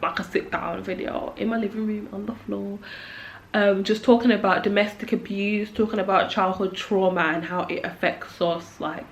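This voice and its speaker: A young woman talks casually to camera with a lisp, as if her swollen cheek stops her mouth closing fully. Her pitch is average, and she rambles in a candid, slangy way. There is faint noise behind her. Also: fairly even intonation, moderate pace. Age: young adult. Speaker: video creator.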